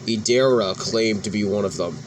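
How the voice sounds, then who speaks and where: A man with a fairly low voice hosts a let's play at a moderate pace, reading cutscene dialogue aloud over background music and occasionally restarting words he trips on. There's slight background noise.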